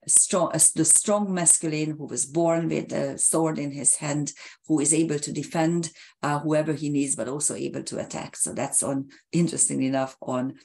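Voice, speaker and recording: Low-voiced woman, hoarse and halting. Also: a little mellow. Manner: halting and hesitant, with frequent filler sounds and restarts. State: hoarse, losing her voice. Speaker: astrologer. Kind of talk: explanatory astrology talk over a chart.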